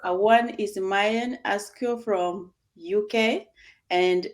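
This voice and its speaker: A woman's voice: mid-range voice, steady tone, slow pace. A woman hosting an online video chat with friends, speaking earnestly and welcoming her guests. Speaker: host.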